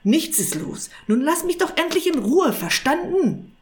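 A woman voicing an irritable male wizard who snaps and shouts at his cat, in a storybook reading. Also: lowish voice, takes it slowly. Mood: furious. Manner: snapping, shouting.

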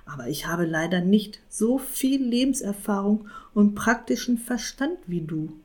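A woman's voice: mid-range voice, animated, a little slow, dark tone, natural voice. A woman voicing an earnest young tomcat, a dreamy and eager minstrel, in a storybook reading. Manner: eager and hopeful.

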